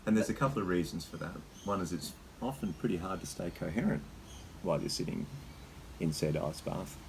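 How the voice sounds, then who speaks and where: An Australian man talking casually and haltingly as host, with a slight cold shiver in his voice as he sits in icy water. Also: low-pitched, lively intonation, creaky, darkish tone, a little hiss or hum, rough recording. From Queensland, Australia. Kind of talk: casual unscripted talk. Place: sitting in a freezer full of icy water.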